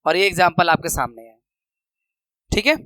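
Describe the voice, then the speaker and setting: A man teaching a grammar lesson, patiently explaining slides and slowly repeating example words. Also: high-pitched, expressive, pushed and bright, dry recording, poor audio.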